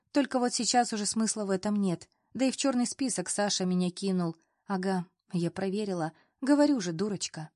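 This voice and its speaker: A woman tells a first-person story aloud, ironic and lively in her delivery. Her voice sits at an everyday middle pitch. The recording is close and dry, with no room sound. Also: no room sound. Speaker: narrator. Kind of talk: first-person audiobook narration.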